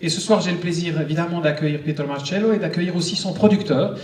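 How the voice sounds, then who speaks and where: A man's voice: fairly high pitch, fast talker, a little mellow. A man hosting a film screening, giving a conversational, digressive live introduction as he addresses the public. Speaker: cinema host introducing a screening. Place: cinema auditorium before an audience. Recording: echoey auditorium, distant microphone.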